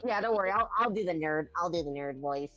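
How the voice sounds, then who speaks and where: A woman's voice: on the low side, lively intonation, fast talker, a bit bright, lo-fi sound, faint music behind. A woman chatting casually with friends on a stream and asking friendly questions. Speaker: co-host in a reading collab. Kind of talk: casual chat.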